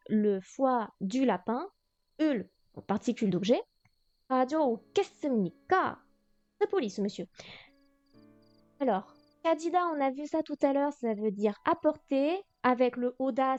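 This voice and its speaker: A woman's voice: a little high, a little mellow, dry recording. A woman teaching a beginner language class on a livestream, thinking aloud with lots of fillers. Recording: dull lo-fi stream audio, faint music.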